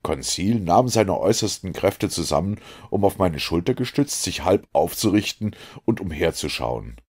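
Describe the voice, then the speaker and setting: A man narrating an adventure audiobook in a dramatic, expressive way. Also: deep voice, moderate pace, slightly rough.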